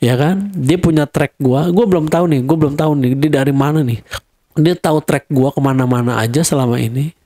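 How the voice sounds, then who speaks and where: A young man with a Jakarta accent telling a personal story in a casual, animated way. He acts out quarrels in a raised voice. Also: fairly high pitch, fairly quick, no room sound.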